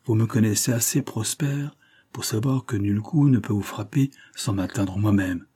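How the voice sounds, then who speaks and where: A man's voice: lowish voice, normal speed, mellow, husky. A man reading the part of a proud young woman, an heiress, torn and pained but speaking firmly and tenderly. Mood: gentle, firm.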